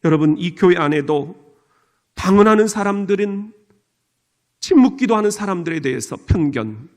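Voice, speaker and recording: A man's voice: high-pitched, expressive, normal speed. A middle-aged man with a Chungcheong Korean accent, preaching a sermon as a pastor and playfully mimicking regional dialects.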